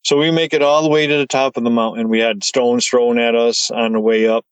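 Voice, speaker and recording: A man telling his story as a podcast guest, excited and stumbling over his words as he gets wound up. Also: medium pitch, a little fast, smooth, no room sound, rough recording.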